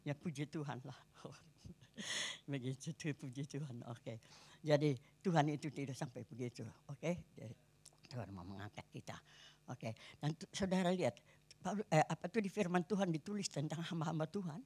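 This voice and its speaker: A woman's voice: low-pitched, moderate pace, darkish tone, husky. A woman in her eighties with a Kupang Malay accent, preaching a sermon in a conversational style and often asking her listeners rhetorical questions. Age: 80s. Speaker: pastor.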